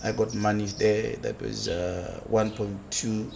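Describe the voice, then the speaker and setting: A man with a fairly low voice tells his story as an interview guest, pausing often and repeating words as he searches for what to say. A faint hiss of background noise sits behind him. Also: fairly even intonation, vocal fry, a little mellow. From South Africa. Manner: halting, with many fillers and repeated words. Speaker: guest, construction business founder.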